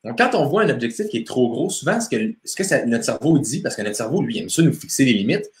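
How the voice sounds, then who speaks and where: Lively Quebec French man, echoey room. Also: medium pitch, fast. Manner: chatty, greets viewers by name, laughs easily. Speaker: motivation coach hosting a live stream. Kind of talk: casual live-stream chat.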